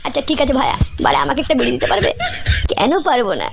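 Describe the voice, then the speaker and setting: Gravelly high woman, brash cartoon voice. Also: big pitch swings, rapid-fire, music in the background. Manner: brash, crude and jokey. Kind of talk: comedic cartoon voice acting. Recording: loud background noise.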